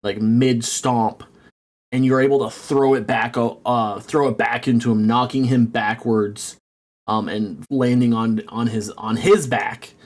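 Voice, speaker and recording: A man narrating a tabletop game as game master, rambling with many fillers and turning excitable when he rants. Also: medium pitch, unhurried.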